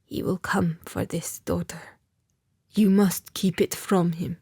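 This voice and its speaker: A woman narrator voicing a dying, blind old man who speaks in a faint, slow whisper. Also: on the low side, steady tone, darkish tone, husky, no room sound, studio quality, exaggerated voice. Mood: fearful. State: weak and wounded.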